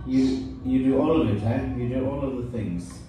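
Young male teacher, patient, repeats questions, short praise, mellow tone, far and echoey classroom mic. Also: mid-range voice, moderate pace, faint music behind. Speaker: English teacher giving a speaking test. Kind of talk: patient spoken test questions. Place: small classroom with glass walls, indoors. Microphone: far camera. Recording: echoey room from a distant camera, light noise.

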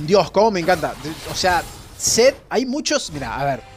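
A young man with a Rioplatense Spanish accent doing live gameplay commentary as a streamer, excitable and slangy, often repeating himself. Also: sits high, measured pace, a little hiss or hum. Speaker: gaming streamer.

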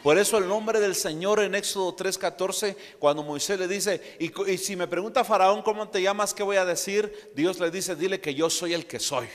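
A man's voice: sits high, fairly even intonation, normal speed, hardly any pauses. A male preacher delivers a sermon. He builds emphasis and throws rhetorical questions at the congregation. His voice carries a long reverb from the church hall. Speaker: apostle preaching.

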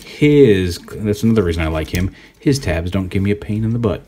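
A man with a deep, low voice walks through a toy review in an easygoing, rambling way. He thinks out loud as he handles the figure, with a faint hiss behind him. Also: expressive, fairly quick. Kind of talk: casual hands-on product review.

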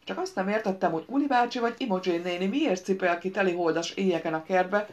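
Woman reading as a brash young bride, scornful, slangy, audiobook character, middle-pitched voice. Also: close to an everyday voice. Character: arrogant, crude young bride-to-be.

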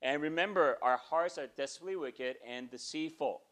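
This pastor, a man in his forties, speaks at normal speed in a slightly high voice while preaching in a small church sanctuary indoors. Conversational and given to animated gestures, he frequently drops in "okay?"

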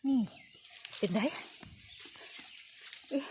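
A woman with an Isan accent chatting breathlessly to her viewers while foraging outdoors, full of excited exclamations. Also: very slow. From Northeast Thailand. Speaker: vlogger. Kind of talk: casual vlog narration. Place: outdoors on a forested hillside. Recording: outdoor recording with heavy background noise.

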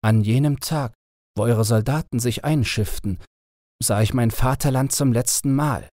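A man's voice: mid-range voice, normal speed, a little mellow, no echo, studio quality, lightly acted. A man voicing a homesick, pleading young boy in a storybook reading, with an earnest, plaintive manner.

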